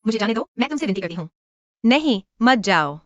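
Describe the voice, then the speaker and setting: A woman's voice: fairly high pitch, lively intonation, normal speed, fairly bright tone, dry recording, highs cut off. A voice actress dubbing a frightened young woman who pleads desperately to be let go, in a drama dub. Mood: panicked. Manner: pleading, panicked.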